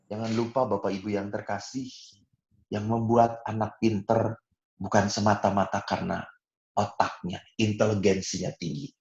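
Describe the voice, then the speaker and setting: A man preaches a sermon in a mid-range voice, telling stories in a lively way. He speaks in a church hall, and his voice carries a roomy echo. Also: mid-range voice. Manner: storytelling, lively, often acting out quotes.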